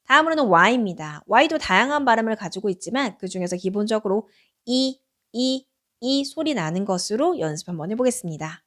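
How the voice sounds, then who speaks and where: A woman teaching a phonics lesson for beginners. She stretches each letter sound slowly and repeats every word several times. Her pitch swings widely between the explanations and the drawn-out sounds. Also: lively intonation, fairly bright tone. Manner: patient questions to the viewer.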